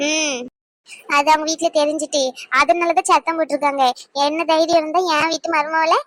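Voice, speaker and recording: A woman's voice: high-pitched, level tone, a little fast, fairly bright tone. A woman voicing a timid, sheepish young daughter in a cartoon, who talks hesitantly and apologetically. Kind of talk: Tamil cartoon voice acting.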